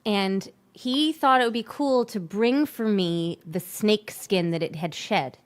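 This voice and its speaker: A woman with a touch of vocal fry, chatting casually and animatedly as co-host. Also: medium pitch, a little slow. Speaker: music teacher and co-host. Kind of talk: casual chat.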